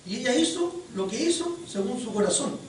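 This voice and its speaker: A preacher gives a sermon in an animated storytelling manner and keeps quizzing the congregation. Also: medium pitch, brisk. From Chile. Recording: very echoey hall, distant mic, faint noise.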